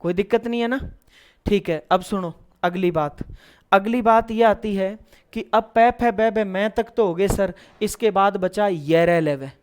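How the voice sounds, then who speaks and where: A male teacher with a smooth, clear voice leads an online class. He poses questions and answers them himself, then chants syllables one after another in an even rhythm. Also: high-pitched, a little slow. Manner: explains step by step, asking and then answering his own questions. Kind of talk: online lesson.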